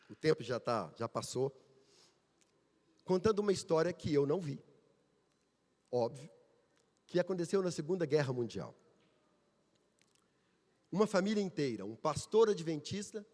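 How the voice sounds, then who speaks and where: Animated Mineiro preacher in a reverberant church. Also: male voice, high-pitched. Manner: emphatic, rhetorical questions and repetition. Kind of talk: sermon with storytelling. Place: church sanctuary.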